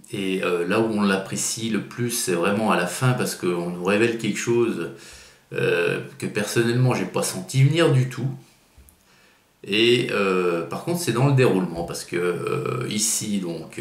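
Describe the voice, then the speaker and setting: A man's voice: low-pitched, creaky. A man giving a casual spoken review of a comic book, hesitant and full of fillers and restarts, often stressing that it is only his own taste. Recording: roomy echo.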